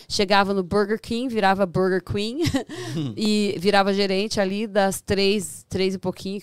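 Lively Brazilian woman telling stories. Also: medium pitch, clear, resonant tone, no room sound. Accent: Brazilian Portuguese. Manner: lively storyteller who acts out voices and laughs often. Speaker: podcast guest. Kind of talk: casual storytelling chat. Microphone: studio podcast mic.

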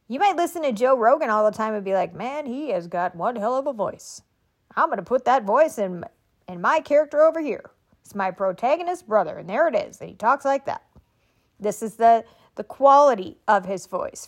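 Animated woman teaching storytelling. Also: a little high. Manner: animated, conversational, many asides. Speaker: writing coach. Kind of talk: storytelling workshop talk.

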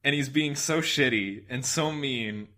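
Guy guesting on a podcast, bright forceful voice, stumbles over words a lot. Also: medium pitch, unhurried. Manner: animated, repeats words while thinking. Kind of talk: casual podcast chat.

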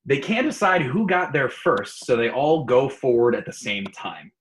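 A man's voice: mid-range voice, sing-song, normal speed. A man hosting a casual podcast chat, quizzing his friend with brain teasers. His voice swings up and down with a playful, teasing lilt, and he laughs easily. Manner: playful, teasing quizmaster who laughs often.

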